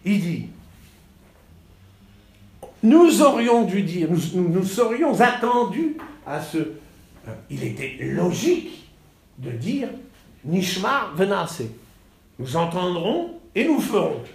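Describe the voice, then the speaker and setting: Male teacher in class, fairly high voice, halting delivery with lively stresses, roomy echo. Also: creaky. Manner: halting, repeats words, animated stresses. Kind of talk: classroom text study.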